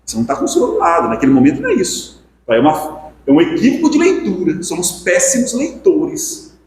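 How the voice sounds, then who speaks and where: A man's voice: wildly swooping pitch, fast, darkish tone. A man with a Brazilian Portuguese accent teaching a spiritist study class, earnest and reassuring in his explanations. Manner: earnest and reassuring, acts out inner self-talk. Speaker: course instructor. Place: meeting hall. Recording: echoey hall with faint rumble.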